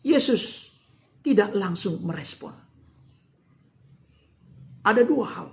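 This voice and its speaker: A woman's voice: mid-range voice, animated, slow pace, creaky. A woman preacher giving a dramatic storytelling sermon, often addressing the congregation directly.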